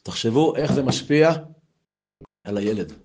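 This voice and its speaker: A man, giving an informal Torah talk full of personal stories and rising to loud, animated bursts. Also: mid-range voice, slight background noise. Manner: animated storytelling, voice swells when excited. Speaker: religious lecturer.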